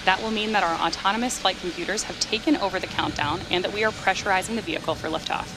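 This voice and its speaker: A woman giving measured, explanatory live commentary as the host of a launch webcast. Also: medium pitch, noisy background.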